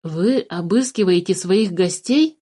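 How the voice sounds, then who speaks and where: A woman's voice: mid-range voice, normal speed, a little mellow, natural voice. A woman voicing a polite, honest young boy in a storybook reading, earnest and courteous.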